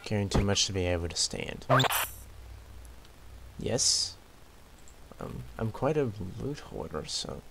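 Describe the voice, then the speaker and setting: Laid-back male let's-player, low gravelly voice, slow delivery, noisy mic with clicks. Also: very animated. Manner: laid-back, mutters item names, dry asides. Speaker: gameplay commentator. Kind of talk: casual let's-play commentary.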